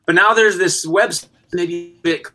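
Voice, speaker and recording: A man's voice: high-pitched, moderate pace, sharp tone. A man on a bad connection that keeps cutting out, speaking as a guest magician in a casual interview, rambling with lots of fillers and restarts. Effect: choppy connection cutting out. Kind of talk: casual interview over a live stream.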